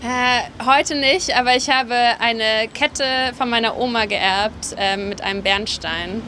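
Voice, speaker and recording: Bright-voiced young woman outdoors. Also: on the high side, slow pace, slight background noise. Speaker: passer-by. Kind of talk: street interview answer. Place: city street outdoors.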